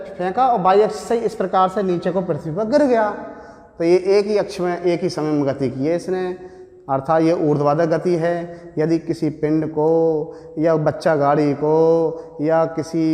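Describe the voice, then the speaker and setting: Male teacher, Hindi accent, high voice, asks and answers his own questions, long hall-like reverb. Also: a little mellow. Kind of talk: classroom physics lecture at a board. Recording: echoey room with long reverb.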